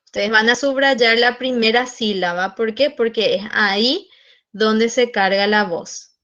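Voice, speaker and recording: A woman with a fairly high voice teaches an online lesson. She speaks very slowly and explains each point step by step, checking that the class follows. The recording sounds dull and lo-fi. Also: a bit bright. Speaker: English teacher.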